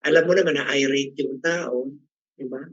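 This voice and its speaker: A man's voice: medium pitch, steady tone, normal speed, a bit bright, breathy edge, dry recording, highs cut off. A middle-aged man leading a casual class discussion, chatty and teasing, often asking the group questions. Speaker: class facilitator.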